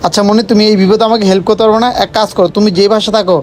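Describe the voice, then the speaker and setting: A man's voice: high-pitched, flat delivery, racing, a little mellow, slight background noise, natural voice. A man playing a young man fooled by a greedy girlfriend, pleading and then indignant. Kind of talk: amateur comedy skit acting.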